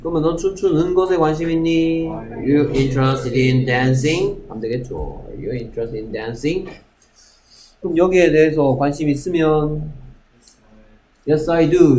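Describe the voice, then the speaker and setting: A man teaching English grammar to a class, talking briskly, checking often that students follow and reading English example sentences slowly. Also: on the high side, dark tone, echoey room, low-quality recording.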